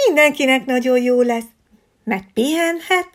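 A woman voicing a gentle, patient owl schoolteacher who explains things warmly. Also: sits high, voice pushed up. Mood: kind.

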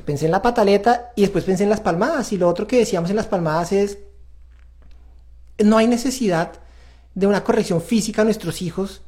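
A man's voice: high voice, dark tone. A man hosting a faith-based parenting talk, earnest and confessional as he speaks straight to viewers. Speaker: parenting show host.

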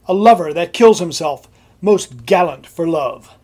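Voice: mid-range voice, lively intonation, unhurried, darkish tone. An actor playing an earnest, officious male director of amateur players in a Shakespearean comedy, fussing and coaxing.

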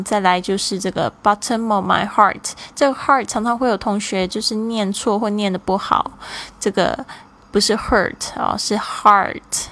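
A woman from Taiwan with a Taiwanese Mandarin accent, teaching English in a cheerful, explanatory way and slowing down for example words. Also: mid-range voice, fairly bright tone. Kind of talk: online language lesson.

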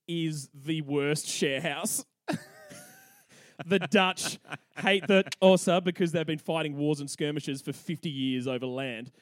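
A young man hosts a podcast of comedic history storytelling, recounting the past in a cheeky, irreverent way and laughing often. His voice is on the high side, and the studio-quality recording has no echo.

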